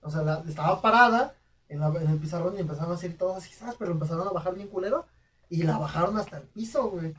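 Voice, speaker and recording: A man's voice: sits high, quick pace. A young man with a Mexican accent telling a story in casual chat, full of slang and laughter, acting out the voices of people he quotes. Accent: Mexican Spanish. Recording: distant mic with faint noise.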